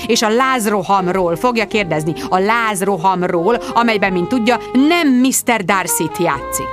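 A woman voicing a bossy, gruff male newspaper editor who speaks in curt commands. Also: mid-range voice, over music, lightly acted.

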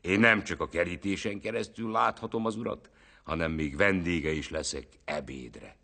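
A man's voice: sits low, vocal fry, bright, forceful tone, pitched above the performer's own voice, exaggerated voice. A man voicing a sly, bold poor peasant in a folk tale. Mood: mocking. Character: cheeky, down-to-earth poor male peasant.

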